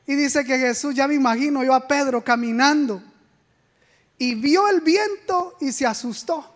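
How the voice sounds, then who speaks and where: High-voiced woman preaching in a church. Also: moderate pace. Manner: animated, asks the congregation rhetorical questions; acts out quoted speech in a dramatic way. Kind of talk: sermon. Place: church sanctuary. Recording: long church reverb.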